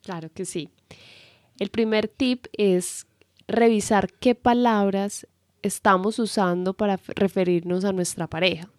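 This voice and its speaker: A woman co-hosting a relationship advice talk, calm and explanatory with some false starts. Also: medium pitch, unhurried, no room sound, clean studio sound. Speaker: co-host and relationship coach. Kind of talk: casual advice talk to viewers.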